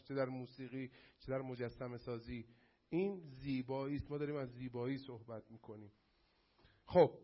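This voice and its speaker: A man giving a lively lecture to a class, addressing the students directly and acting out quotes to make his point. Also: on the high side, muffled recording. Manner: animated, addresses the class, acts out mocking quotes.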